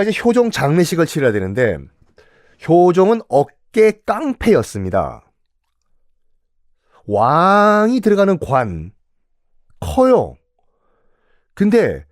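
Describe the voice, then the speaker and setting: A man giving a lively storytelling history lecture, acting out quotes and putting questions to his listeners. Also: on the high side, no echo, clean studio sound. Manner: animated, acts out quotes, asks the audience questions.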